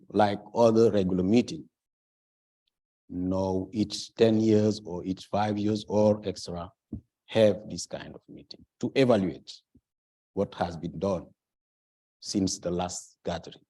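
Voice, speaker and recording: A man from Senegal delivers panel remarks at an unhurried pace. His voice sits low with a dark, mellow tone. He sometimes stops to search for the right word, then presses his point. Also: steady tone. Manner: halting, searches for words, stresses key points.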